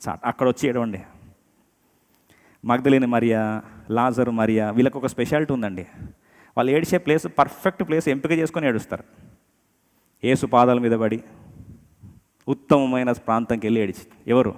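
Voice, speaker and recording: A man's voice: medium pitch, normal speed, pauses often. A man preaching a sermon to a congregation, emphatic, slipping English phrases into his talk and putting questions to his listeners with humorous asides. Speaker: pastor. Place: church hall before a congregation. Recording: long hall reverb.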